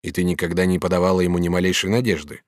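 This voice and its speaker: A man voicing a proud, sly and hot-tempered master artist in an audiobook, speaking firmly and with measured command. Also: low voice, flat delivery, no echo, clean studio sound, close to an everyday voice. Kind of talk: audiobook character reading.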